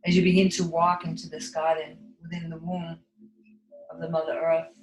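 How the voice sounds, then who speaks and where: A woman leading a guided spiritual meditation in a slow, hushed delivery with long pauses. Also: sits low, little pitch movement. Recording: echoey reverb over soft music.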